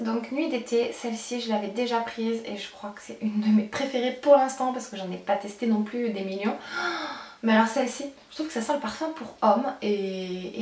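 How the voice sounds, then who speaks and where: A woman's voice: on the high side, a little mellow. A young adult woman chatting casually through a shopping haul, with many fillers and restarts. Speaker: beauty vlogger. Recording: echoey room, mic at a distance.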